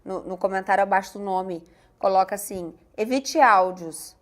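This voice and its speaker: A woman hosting a casual podcast chat, animated and playful. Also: mid-range voice, fairly quick. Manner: animated, playful, self-mocking. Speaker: host.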